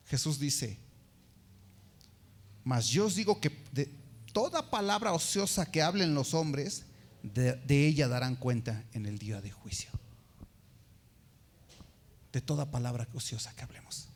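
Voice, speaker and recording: A man's voice: medium pitch, lively intonation, measured pace, pauses often. A man preaching a sermon, telling a personal story and acting out the voices of the people he quotes.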